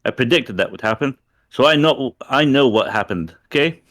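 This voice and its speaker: A man's voice: mid-range voice, animated, normal speed, a bit bright, lightly acted. A man voicing a laid-back young surfer dude with slangy, drawling talk.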